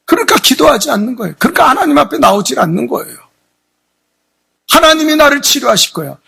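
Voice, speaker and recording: A male pastor preaches in a high, husky voice with a grainy edge. He drives each point home emphatically and keeps throwing rhetorical questions back at the congregation. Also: pushed and bright. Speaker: senior pastor. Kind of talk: sermon. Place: church sanctuary.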